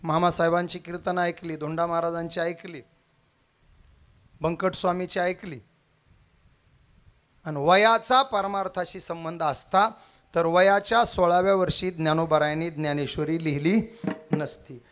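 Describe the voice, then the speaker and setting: A man's voice: on the high side, fairly even intonation, moderate pace, long pauses, a bit bright. A man telling a devotional story, dramatic and acting out the characters' cries. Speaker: kirtan preacher.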